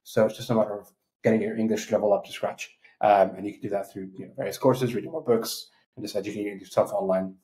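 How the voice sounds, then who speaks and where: A man from Iraq, a medical writer, answering viewer questions in a chatty, relaxed way on a live webinar over a video call. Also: lowish voice, fast talker, low-quality recording. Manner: chatty, relaxed, frequent fillers and asides.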